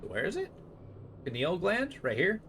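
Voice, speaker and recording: Male game streamer with very animated pitch. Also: unhurried, noisy background. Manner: stumbles over long words when reading aloud. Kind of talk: game commentary mixed with reading in-game text aloud.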